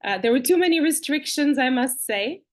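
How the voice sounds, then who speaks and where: Chatty, animated woman on a video call. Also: sits high, moderate pace. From Bulgaria. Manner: animated, chatty, with frequent fillers and restarts. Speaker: guest. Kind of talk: conversational interview.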